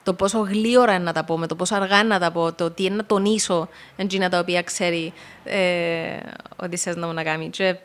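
A young woman with a Cypriot Greek accent, a rally co-driver talking as a guest in a relaxed podcast chat, telling stories loosely with plenty of fillers. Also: lowish voice. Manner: chatty, loose storytelling with many fillers. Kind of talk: casual podcast conversation.

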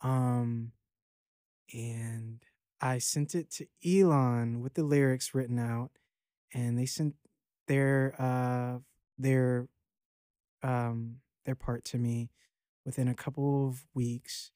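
Speaking slowly with frequent pauses, this Baltimore, Maryland rapper of about thirty rambles through a casual interview as a guest, full of fillers, restarts and offhand swearing. His mid-range voice is mellow with fairly even intonation, captured in studio quality with no room sound.

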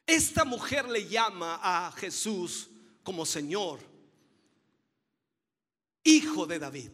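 A man with a very high, bright and ringing voice preaches a sermon with fervor, his pitch swinging widely as he stresses each point. He builds repeated phrases toward a climax and calls his listeners dear brother. His voice trails into a long hall reverb. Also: lively intonation, slow, breathy edge. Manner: fervent, emphatic preaching with rising repeated phrases.

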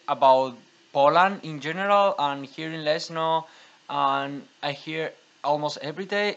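A man hosts a casual podcast. His voice sits a little higher than most men's, and he talks conversationally. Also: fairly bright tone, lo-fi sound. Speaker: podcast host.

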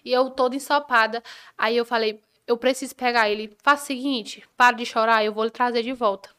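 A young woman, a podcast guest telling a personal story in a lively way and acting out what each person said. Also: fairly high pitch, fairly quick, clear, resonant tone. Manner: animated, acts out the dialogue of people in her story.

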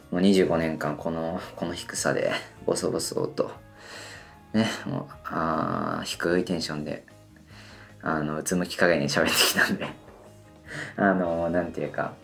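A man in his twenties talks alone as if hosting his own radio show, rambling and hesitant, with constant fillers. His voice sits low, though he keeps straining to lift it higher than usual. Soft music plays faintly underneath. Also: vocal fry. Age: 20s. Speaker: band member hosting a solo radio talk. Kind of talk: casual solo radio monologue.

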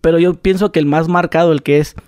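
A man's voice: a little high, fairly even intonation, quick pace, darkish tone, clear, resonant tone, dry recording, studio quality. A man with a Mexican accent interviewing a guest in a playful, slangy, laughing way. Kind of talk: casual interview chat.

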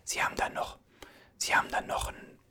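A man's voice: a little fast, bright, forceful tone. A man whispering as a chatty, soothing gas station cashier in an ASMR roleplay, reassuring and rambling.

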